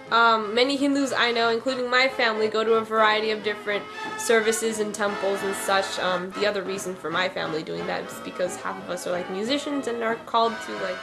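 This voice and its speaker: A woman's voice: on the high side, low-quality recording. Chatty young woman over old jazz. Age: young adult. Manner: chatty and digressive, with frequent ums and likes. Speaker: vlogger answering viewer questions. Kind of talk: casual question-and-answer vlog. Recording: old jazz music playing under the voice.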